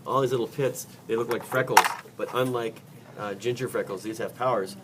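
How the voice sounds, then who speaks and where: A man's voice: medium pitch, fairly even intonation, brisk. A man teaching a biology class during a dissection, joking and quizzing his students. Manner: jokey, chatty, quizzes the class. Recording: distant mic in a noisy classroom.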